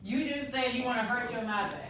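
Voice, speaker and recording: A woman coaching an acting class, animated and pushing her student hard. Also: on the high side, fairly quick, a little hiss or hum. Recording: roomy distant room mic.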